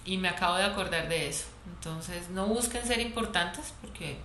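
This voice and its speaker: Animated woman, echoey room. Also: lowish voice, moderate pace. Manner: animated, laughs often, playful storytelling. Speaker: sports doctor and coach. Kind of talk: casual interview talk. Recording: echoey room, faint background noise.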